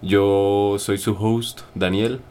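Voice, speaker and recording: A man's voice: fairly low pitch, fairly even intonation, drawn-out words, warm tone, clear, resonant tone. A man hosting a casual podcast and joking around with friends. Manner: joking, playful banter. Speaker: podcast host. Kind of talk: casual chat.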